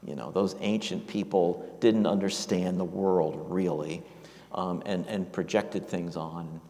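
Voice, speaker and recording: Low-voiced pastor preaching in a reverberant hall. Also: male voice, fairly even intonation, warm tone. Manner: halting, with many fillers and restarts. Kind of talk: sermon. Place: church.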